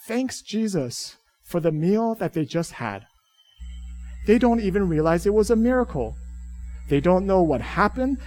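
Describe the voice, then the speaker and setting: A pastor preaching a sermon, telling a family story with sudden swings between loud emphasis and quiet asides. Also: male voice, sits high.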